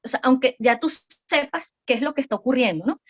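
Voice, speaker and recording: A woman's voice: high voice, animated, a little fast. A woman, a psychopedagogue guest on a podcast, explaining parenting patiently with many fillers and tag questions.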